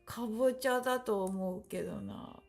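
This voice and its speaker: A woman's voice: fairly high pitch, normal speed, gravelly. A woman teaching Japanese in a live online class. She speaks English with a Japanese accent and switches between the two languages as she reads chat comments aloud.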